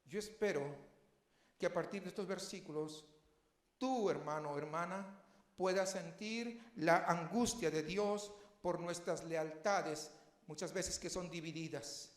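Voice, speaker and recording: A man's voice: a little high, a little slow, roomy sound. A man preaching a heartfelt, personal sermon that builds to emphatic questions. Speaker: pastor.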